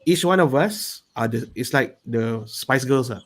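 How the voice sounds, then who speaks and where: A man's voice: medium pitch, lively intonation, measured pace. A man with a Malaysian accent giving a casual explanation as a panel guest, often checking in with a "right?". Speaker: panel guest, business coach.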